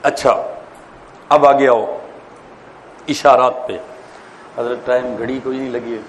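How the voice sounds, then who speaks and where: A man, a mufti, giving an animated classroom lecture on public speaking, quizzing his listeners and telling jokes. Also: mid-range voice, a little hiss or hum. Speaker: mufti teaching a course. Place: lecture hall.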